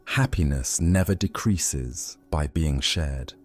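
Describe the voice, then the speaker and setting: A man calmly narrating Buddhist teachings and stories as a soothing, scripted sleep narration. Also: a bass voice, soft background music. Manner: calm, measured, soothing.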